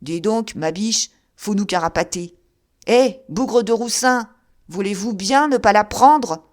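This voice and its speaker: A woman voicing a delirious drunk man who yells frantically in rough slang. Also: medium pitch, takes it slowly, natural voice. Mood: raving.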